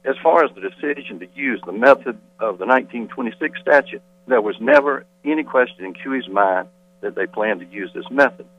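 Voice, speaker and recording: Husky-voiced man on a tinny phone line. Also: medium pitch, sing-song, a little fast. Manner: insistent, rebutting point by point. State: slightly out of breath. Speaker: school board member calling in as guest. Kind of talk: phone-in radio interview. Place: quiet hallway off a meeting. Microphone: telephone.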